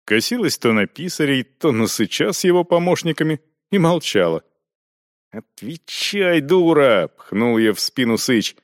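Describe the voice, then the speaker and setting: A man narrating an audiobook in an expressive storytelling manner. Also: medium pitch, normal speed, few pauses, dry recording, clean studio sound.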